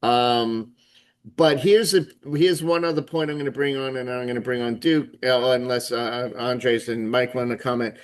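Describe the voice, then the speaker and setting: A man's voice: mid-range voice, steady tone, normal speed, clear, resonant tone. A man hosting a casual panel discussion, opinionated and prone to restarting his sentences. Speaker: host.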